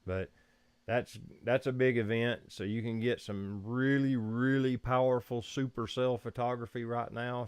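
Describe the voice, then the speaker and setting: A photography livestream host from Georgia, US, chats casually from a room at home in a Southern accent, rambling, easygoing and chuckling often. His voice is on the low side, with a clear, resonant tone and no room sound.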